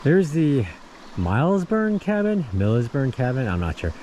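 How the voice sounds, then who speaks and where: Out on a forest trail, a weary long-distance hiker of fifty narrates his vlog casually to the camera and laughs a lot. His medium-pitched, warm voice swings hugely in pitch at a moderate pace. There's slight hiss or hum in the audio.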